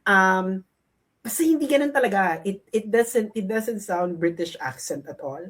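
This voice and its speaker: A woman co-hosting a gossip commentary show. She talks bluntly and leans hard on her points, at an ordinary middle pitch for a woman. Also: lively intonation. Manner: blunt, emphatic, drawn-out critiques. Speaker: show co-host.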